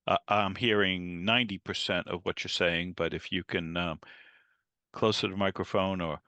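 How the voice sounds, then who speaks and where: A man moderating a webinar, speaking over a conference call line, halting and repeating words as he relays a comment. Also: sits low, fairly even intonation, pushed and bright, no echo. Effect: heard over a conference call line. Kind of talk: casual remarks to the presenter.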